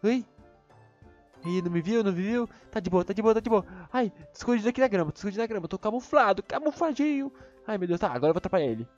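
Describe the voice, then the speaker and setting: Excitable high-voiced Brazilian man gaming. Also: fast, dull audio, faint music behind. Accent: Brazilian Portuguese. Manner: excitable, high squealing outbursts. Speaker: gaming video creator. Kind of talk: excited gameplay commentary.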